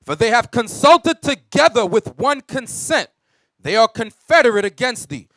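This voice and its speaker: Male scripture reader, steady recitation, high and animated pitch, dry room. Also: normal speed, dry recording. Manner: steady recitation of verses on cue. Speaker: scripture reader in a Bible class. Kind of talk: reading scripture aloud.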